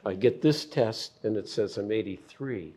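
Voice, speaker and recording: An older man, a physician, giving slow, measured explanations of health science with plain analogies in an interview. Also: on the low side, dark tone, husky. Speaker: physician guest.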